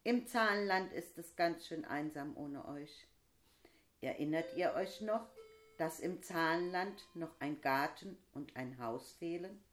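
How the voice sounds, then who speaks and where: A woman presenting a children's program, gently addressing preschoolers directly. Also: low voice, measured pace.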